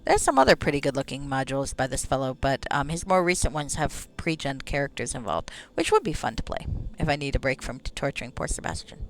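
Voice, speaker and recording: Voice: medium pitch, sing-song, fast talker, hardly any pauses, a bit bright, low-quality recording. A game streamer giving casual, rambling commentary, talking to themself and swearing freely. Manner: sweary, rambling, talks to self. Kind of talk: casual gameplay commentary with some read-aloud game text.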